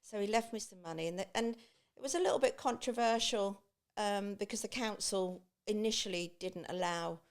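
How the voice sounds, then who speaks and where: Appearing as a podcast guest, a beach hut business owner from Great Yarmouth speaks with an East Anglian English accent. The middle-aged woman has a medium-pitched voice at a moderate pace, sharing personal stories and acting out things people said.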